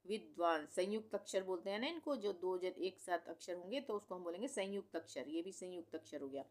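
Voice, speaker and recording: A woman teaching Hindi reading, saying each difficult word slowly several times and explaining how it is pronounced. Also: fairly low pitch, animated, darkish tone. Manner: repeats each word slowly, stretching syllables; patient, explanatory questions to the learner. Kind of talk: slow instructional reading lesson.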